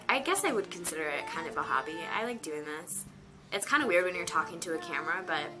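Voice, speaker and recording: Teen girl vlogging in her room, kinda low voice, chatty and rambly, music under it. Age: teens. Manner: chatty, rambling with many fillers. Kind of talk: casual chat to camera. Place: her bedroom on a rainy day.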